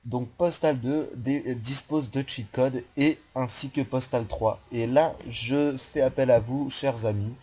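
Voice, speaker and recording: A young man commenting on a horror game he is playing, rambling and joking, swearing and yelling when startled. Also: mid-range voice, steady tone, a little slow, few pauses, slight background noise. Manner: rambling, jokey, swears, yells at scares. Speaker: gaming youtuber.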